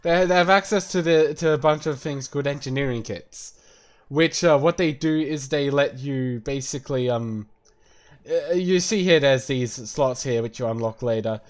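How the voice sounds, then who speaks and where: A man's voice: mid-range voice, normal speed. A man casually explaining a game while playing it, rambling and swearing as he talks. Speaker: game streamer. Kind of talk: gameplay commentary.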